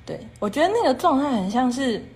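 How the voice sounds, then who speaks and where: High-pitched and a little mellow, this woman's voice swings widely in pitch as she talks fairly quickly on a casual livestream. She chats about viewer comments in long, repetitive runs tied together with "and then."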